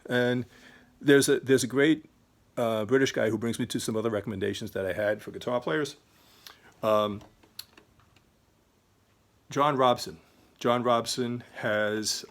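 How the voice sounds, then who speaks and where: Rambling older man, low voice. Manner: relaxed, meandering, many ums and restarts. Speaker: guitar channel host. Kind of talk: casual rambling talk to camera.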